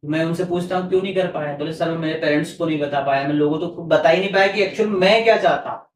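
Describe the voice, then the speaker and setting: A man hosting a podcast, posing long, carefully framed questions in a calm, unhurried way. His fairly high voice comes from a little distance off the mic, with a roomy echo around it. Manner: calm, asks long framing questions, frequent murmured agreement. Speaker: podcast host, trainer. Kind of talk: podcast interview.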